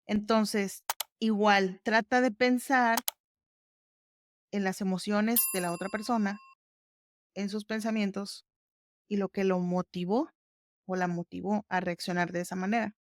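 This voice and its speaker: Smooth-voiced woman explaining step by step. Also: medium pitch, fairly even intonation, unhurried, pauses often. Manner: explains step by step, conversational, warm fillers like "ujú". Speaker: podcast host. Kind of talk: casual podcast chat.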